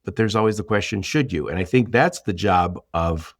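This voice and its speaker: A man hosts a casual interview and tells stories with lively asides. His voice sits very low. The sound is dry, with little room around it. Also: moderate pace, no room sound. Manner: storytelling, animated asides. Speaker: podcast host.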